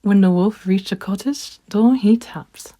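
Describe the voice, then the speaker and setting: A woman reading a children's fairy tale aloud in a gentle, expressive way. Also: mid-range voice, a little slow, slight background noise. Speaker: storyteller.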